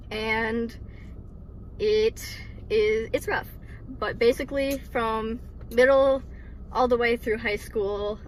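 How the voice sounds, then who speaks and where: This Michigan vlogger in her twenties speaks in a mid-range voice while casually telling her faith testimony, laughing often and filling her speech with ums and likes. The audio is poor, with slight background noise.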